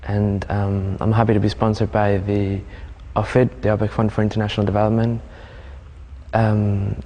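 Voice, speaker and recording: A man in his twenties from Venezuela, a youth delegate, answering interview questions with hesitant pauses. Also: lowish voice, completely flat delivery, mellow. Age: 20s.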